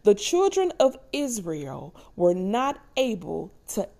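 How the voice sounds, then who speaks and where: A woman's voice: mid-range voice, very animated, slow, gravelly, mellow. A woman preaching a sermon in a conversational way, often checking in with her listeners.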